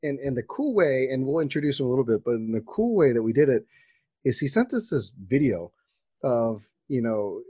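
A man co-hosting a podcast in a casual, excitable way, throwing in slang and plenty of fillers. His voice is husky and a bit breathy. The sound is dry and close, with no room echo. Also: mid-range voice, a little fast, dull audio. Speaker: podcast co-host.

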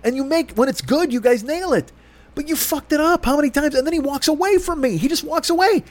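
A middle-aged podcast host from Chicago, with the city's accent, tells a long, exasperated story as a heated, profane rant. His voice is very high-pitched and he speaks a little fast.

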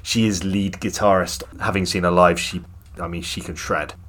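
Low-voiced chatty man. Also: fairly even intonation, normal speed, a bit bright, slight background noise. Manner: chatty, opinionated, enthusiastic. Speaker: podcast co-host. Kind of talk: casual music chat.

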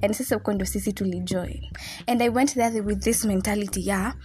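A woman in her twenties from Kenya with a Kenyan accent, telling personal stories in a casual, animated, giggly and informal way. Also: medium pitch, fairly quick, husky, dry recording. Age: 20s. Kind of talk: casual storytelling chat mixing English and Swahili.

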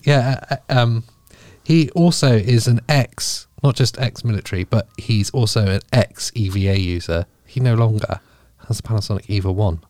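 A man's voice: lowish voice, normal speed, few pauses, darkish tone, no room sound. A man co-hosting a podcast in casual chat at a studio microphone, joking, laughing often and restarting his sentences. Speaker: podcast co-host.

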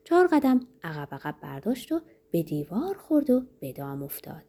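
Brief: woman audiobook narrator, mellow husky voice, dramatic read. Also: fairly low pitch, sing-song. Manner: dramatic, varied delivery.

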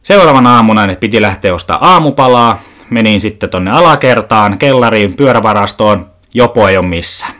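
Joking, self-mocking man, low voice. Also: lively intonation, a bit bright. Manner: jokey, self-mocking, swears casually. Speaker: podcast host. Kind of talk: rambling solo podcast monologue.

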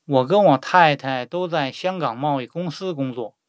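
Courteous job candidate played by a man, higher-pitched. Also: normal speed, no echo, studio quality, lightly acted. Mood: polite, curious. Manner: polite, inquisitive. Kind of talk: scripted language-lesson dialogue.

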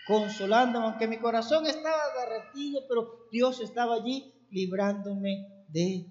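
A man's voice: extremely high pitch, moderate pace, a little mellow, a little hiss or hum. A man, a pastor, giving an earnest, emotional sermon with a personal testimony. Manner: earnest and emotional, building to fervent exhortation. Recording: echoey room, dull lo-fi sound.

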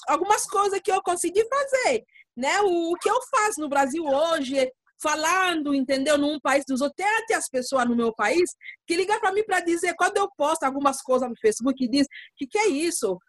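A woman from Congo with a French accent, speaking Portuguese as a guest on a podcast, halting and searching for words, often checking in with the listener. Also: high-pitched, expressive, dry recording. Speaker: guest, lawyer and activist. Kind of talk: podcast interview.

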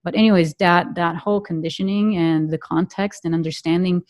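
Chatty low-voiced woman from Serbia. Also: fairly even intonation, brisk, no echo, studio quality. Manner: chatty, frequent fillers like "you know" and "right". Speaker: podcast host, coach. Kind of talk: conversational interview.

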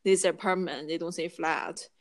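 A woman's voice: fairly low pitch, fairly even intonation, moderate pace, background noise. A woman in her twenties with a Thai accent chats casually, often dropping in "like" and "you know". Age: 20s. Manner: peppers speech with "like" and "you know". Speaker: conversational co-host. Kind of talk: casual chat.

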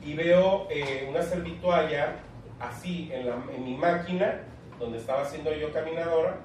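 A young Mexican man co-hosting a casual chat, telling a slangy, animated story. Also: moderate pace. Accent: Mexican Spanish. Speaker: co-host. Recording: echoey room, far from mic, faint rumble.

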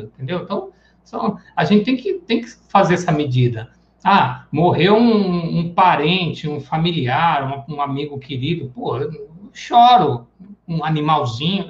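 A man teaching psychoanalysis in a live online lecture. He talks in a casual, chatty way and acts out everyday examples. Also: on the high side. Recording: echoey room, dull lo-fi sound.

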